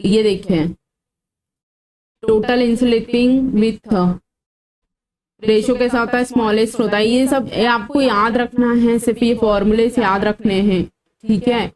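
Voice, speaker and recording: A woman's voice: on the high side, a little mellow, rough recording. A woman teaching an exam-prep engineering lecture, explaining formulas step by step and telling students what to memorize. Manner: explanatory, drills formulas to memorize, mixes English terms; scolding students about comments. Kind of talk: online lecture.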